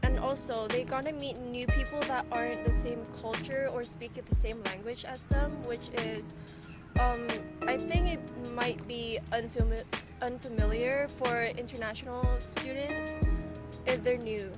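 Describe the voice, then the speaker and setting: A woman giving a measured, thoughtful interview answer with "um" pauses. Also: on the high side, steady tone, over loud music.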